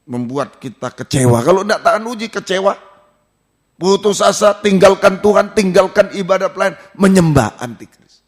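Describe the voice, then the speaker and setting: A man from Indonesia, preaching a sermon as pastor and asking the congregation questions, swinging from loud exclamations to low asides.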